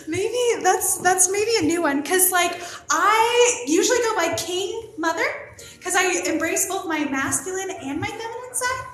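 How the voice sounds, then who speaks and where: A woman pole dance teacher chatting casually on a live stream, reading comments in a high, upbeat put-on voice. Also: expressive, fairly bright tone. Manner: high put-on upbeat voice kept deliberately positive. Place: indoor pole dance studio. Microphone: phone camera. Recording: echoey room.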